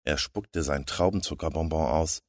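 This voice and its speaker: A man narrating a comic story in a steady storybook reading. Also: very deep voice, moderate pace, no room sound, studio quality.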